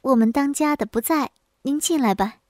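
A woman doing a jealous dim wife in a folk tale, blunt and stubborn, highish voice, dry. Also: measured pace, no echo. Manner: sharp, stubborn, offhand.

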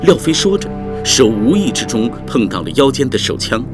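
A man narrating an audiobook in a vivid, expressive way, with music behind. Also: mid-range voice, moderate pace. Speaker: storyteller.

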